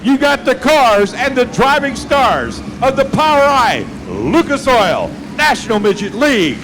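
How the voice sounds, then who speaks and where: A man hyping a race as event announcer, booming like a ringmaster and drawing out his words. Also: sing-song, a little slow, background noise. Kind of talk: hype introduction of a race.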